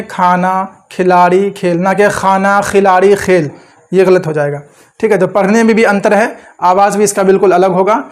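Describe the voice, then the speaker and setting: Patient high-voiced man teaching Urdu. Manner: patient, repeats words slowly and asks the viewer questions. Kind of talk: step-by-step language lesson.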